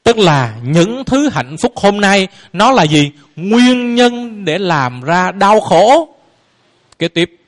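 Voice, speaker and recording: A man's voice: high-pitched, very animated, slow. A man giving a Buddhist dharma talk to a lay audience as their teacher, throwing out rhetorical questions and chuckling playfully.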